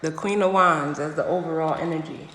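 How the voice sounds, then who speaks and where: A woman's voice: sits low, fairly even intonation, fairly quick. A woman gives a casual tarot reading over a phone livestream, speaking directly to her listener. She is emphatic and slangy and keeps repeating key phrases. Her voice rings in an echoey room with a long tail of reverb and a faint hiss underneath. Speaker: tarot reader.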